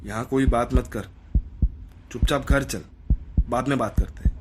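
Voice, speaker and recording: A man voicing a worried, protective middle-aged mother who gives hushed warnings in a horror story. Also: medium pitch, steady tone, normal speed, noisy background, lightly acted. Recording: voice over loud background music.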